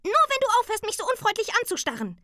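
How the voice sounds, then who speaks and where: A woman voicing a tiny, giddy storybook creature that talks too loudly and giggles. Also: quick pace, no room sound, clean studio sound, exaggerated voice. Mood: excited squeals. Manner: shrill, excited, giggling. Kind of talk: storybook character voice.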